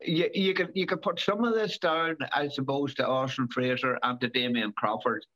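A man in his seventies, a former rally driver, talking in a casual interview, halting and repeating words with many fillers. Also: medium pitch, pushed and bright. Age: 70s. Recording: dull lo-fi recording.

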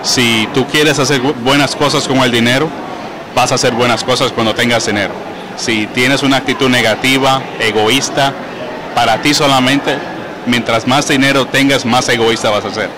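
A man, a guest calmly explaining his ideas in an interview. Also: medium pitch, moderate pace, background noise. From Puerto Rico.

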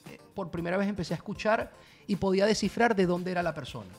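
A Venezuelan man in his thirties, a radio host speaking as a guest in a relaxed interview chat, playful and animated. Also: high-pitched, quick pace, soft background music. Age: 30s.

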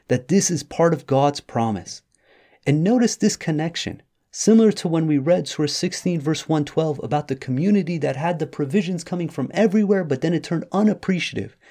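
A man hosting a religious study podcast, reading verses aloud and explaining them in a measured way. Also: fairly high pitch, animated, dark tone. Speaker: podcast host.

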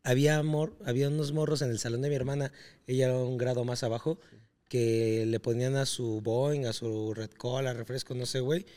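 A man with a Mexican accent talks on a podcast in a loose, emphatic way, full of slang and swearing. His voice sits at an ordinary middle pitch for a man. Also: steady tone, brisk, dark tone. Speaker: podcast co-host. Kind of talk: casual podcast chat.

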